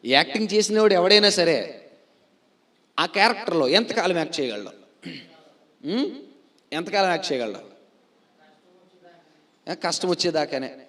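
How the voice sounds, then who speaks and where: A man preaching a sermon as pastor, asking rhetorical questions, repeating them and answering himself, slowing to stress key phrases and swinging between loud declarations and quiet asides. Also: high-pitched, expressive.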